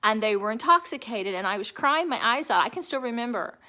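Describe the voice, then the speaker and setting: A woman in her fifties with a bright, slightly high voice, talking through a personal monologue. Her speech is earnest and emotional, halting on words and circling back to restart sentences. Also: animated. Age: 50s.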